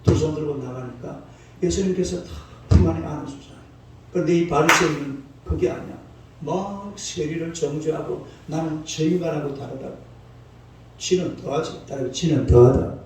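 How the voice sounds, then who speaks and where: Speaking at a moderate pace in a slightly high, darkish voice, an older pastor in his sixties scolds his flock in a folksy dawn sermon and coaxes answers from them. The sanctuary echoes, the microphone sits far off, and some faint noise comes through.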